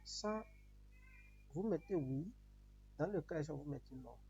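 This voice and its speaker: A man from Benin, a native Yoruba speaker with a Beninese accent, presents a step-by-step tutorial using repetitive instructional phrasing. His voice sits on the high side with a dark tone and vocal fry, moving slowly with lively intonation. The audio is muffled, with a noticeable hum behind it.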